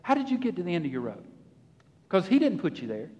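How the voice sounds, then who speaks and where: High-voiced, lively preacher in a reverberant church. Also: male voice, quick pace, dull audio. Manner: animated, folksy preaching with acted-out voices. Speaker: pastor. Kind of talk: sermon.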